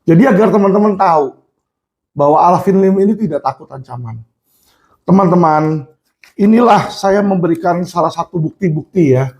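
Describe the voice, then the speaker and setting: A man's voice: high voice, normal speed. A man speaking out to viewers in an impassioned monologue, emphatic, often addressing them as friends and acting out the people he quotes. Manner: emphatic, repeats "teman-teman" and "ya", acts out quoted people in raised shouts.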